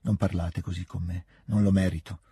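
A man's voice: sits low, flat delivery, normal speed, warm tone, husky. A man reading as a pleading, ashamed young noblewoman. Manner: pleading, brokenly repeating words.

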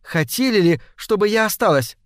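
A man puts on Death as a hushed, courtly young lady in a spoken storybook, raised a few steps in pitch and kept low and slow. She coaxes calmly and measures out every phrase. The recording is close and dry. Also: dry recording. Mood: coaxing. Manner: quiet, measured, coaxing.

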